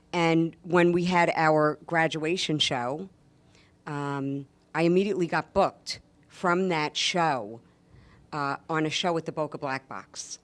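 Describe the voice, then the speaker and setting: A deep-voiced woman from New York, USA, chats casually as an interview guest, sounding emphatic and enthusiastic. She's an actress and stand-up comedian, recorded with no room sound.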